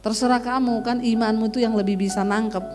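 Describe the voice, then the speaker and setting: A woman preacher quoting her calm, easygoing husband in a slow, lower voice. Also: over music, natural voice. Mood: resigned.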